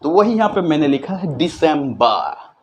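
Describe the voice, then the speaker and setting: A man teaching a video lesson on pronunciation, spelling out letters and slowly repeating each word. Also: a little high, very animated, muffled recording, a little hiss or hum.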